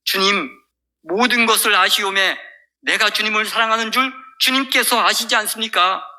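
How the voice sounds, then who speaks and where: A man's voice: high-pitched, normal speed, bright, forceful tone, voice pushed up. A man voicing Peter, an earnest and worried male fisherman disciple, replying in a pleading way.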